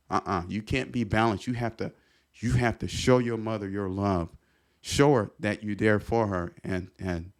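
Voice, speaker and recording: A middle-aged man telling a personal story as a podcast guest, earnest and repetitive, often restarting his sentences. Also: fairly low pitch.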